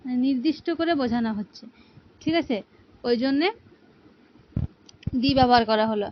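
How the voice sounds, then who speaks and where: A woman's voice: sits high, moderate pace, highs cut off. A woman teaching an English grammar lesson, explaining patiently and asking her students rhetorical questions. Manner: patient, asks rhetorical questions, repeats "ঠিক আছে".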